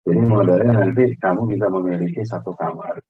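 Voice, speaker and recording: A man with an Indonesian accent giving a relaxed online class lecture over a video call, chatting through the material with frequent fillers. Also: sits low, fast talker, breathy edge, phone-quality sound.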